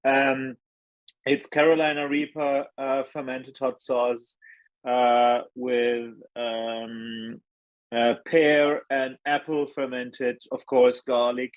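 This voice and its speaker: Guest: unhurried man, halting and modest, dry close sound. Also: mid-range voice, flat delivery, no echo, rough recording. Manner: hesitant, many ums, modest. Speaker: hot sauce maker guest. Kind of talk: casual chat.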